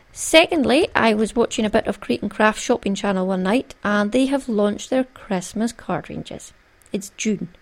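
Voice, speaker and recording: A Scottish woman hosting a solo craft podcast in a playful, conversational, jokey way. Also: fairly high pitch. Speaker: podcast host.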